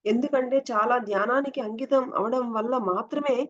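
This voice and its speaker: A woman's voice: on the high side, normal speed, a bit bright, dull audio, close to an everyday voice. A woman voicing a stern but loving old guru. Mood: instructing. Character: elderly male guru, stern yet loving.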